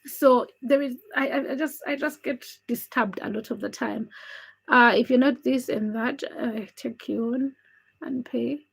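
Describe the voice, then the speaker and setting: In this rough recording, a livestream host speaks in a fairly high, gravelly, husky voice with fairly even intonation and a measured pace. She is a young woman from Uganda who isn't a native English speaker, chatting casually and candidly, reading comments and greeting viewers by name.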